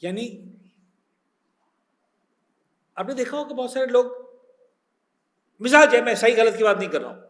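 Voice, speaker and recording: A man with a Pakistani accent teaching a religious class as a cleric, animated, mixing in English words and checking that his listeners follow. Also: extremely high pitch, reverberant. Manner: animated teacher, checks understanding with quick questions.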